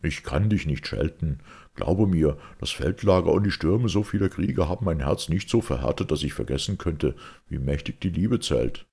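A man's voice: extremely low pitch, animated, normal speed, vocal fry, a little mellow, slightly rough, heavily acted. A man doing a fatherly old commander. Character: veteran male commander, warm and fatherly.

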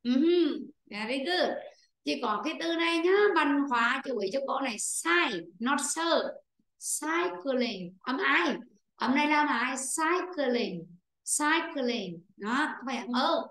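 A woman teaching an online class, her voice high and bright. She explains patiently and goes over each point again. The sound is roomy and echoing. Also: lively intonation, slight background noise. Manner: explains slowly, repeats points to students. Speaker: English teacher. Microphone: computer microphone on a video call.

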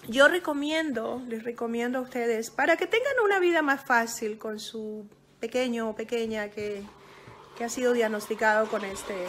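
Calm high-voiced woman giving parenting advice. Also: a little hiss or hum. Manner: calm, slow and gentle, with many pauses and restarts; teacherly, checks in with "¿ok?". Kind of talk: casual advice talk to parents.

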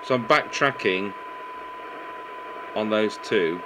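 Speaking slowly in a fairly low voice, this man from the UK thinks aloud as he works at a repair bench indoors, demonstrating a technical job in a plain, informal way. Steady noise runs through the clearly noisy workshop camera audio.

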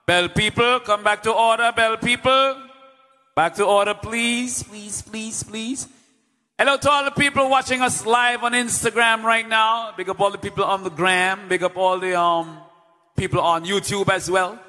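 A man with a Vincentian accent hosting a live stream as DJ. He talks loudly and playfully, chanting call-outs to the audience. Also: sits high, fairly even intonation, moderate pace, big-room sound, faint music behind. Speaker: livestream host and DJ.

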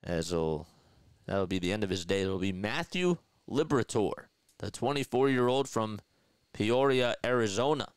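This play-by-play streamer, a man in his thirties with a Philadelphia accent, calls baseball live and reads viewers' comments, chatting and laughing often. His fairly low voice is animated and smooth at a normal speed. The recording is dry and studio quality, made on a headset boom mic at a desk in a small indoor room.

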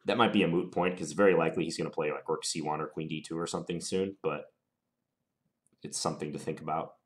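Speaking with a slight cold, this online chess commentator has a deep male voice. His thinking-aloud analysis of the game stays calm, measured and analytical.

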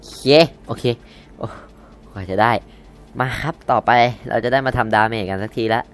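A man's voice: fairly low pitch, steady tone, moderate pace, a bit bright, faint music behind. A young man hosting a casual coding lesson, thinking aloud as he types and reading code out word by word, correcting himself as he goes. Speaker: coding tutorial host.

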